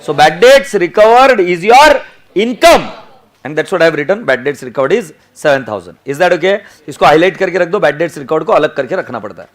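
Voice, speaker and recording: An Indian man teaching an accounting class, switching between English and Hindi, with a lively sing-song intonation and drawn-out words for emphasis. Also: a little high. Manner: mixes English into Hindi, calls students "beta". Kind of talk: classroom lecture.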